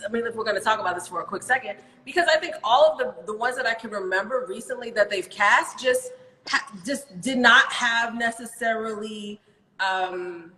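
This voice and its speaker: A woman hosting a casual interview, chatty with quick asides, her voice carrying a big hall echo. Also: fairly high pitch, bright, forceful tone. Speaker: interview host. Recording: roomy voice with long hall reverb.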